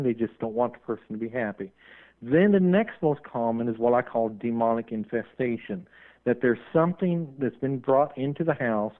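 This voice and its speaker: A man being interviewed as a paranormal investigator on call-in radio, talking at length and running on in a rambling way. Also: mid-range voice. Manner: talkative, rambling, admits he runs on. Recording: tinny phone line.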